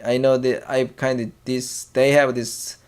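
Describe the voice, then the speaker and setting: A man teaching a language lesson, halting with many fillers and restarts, and sounding out syllables one by one. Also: mid-range voice, flat delivery, clear, resonant tone.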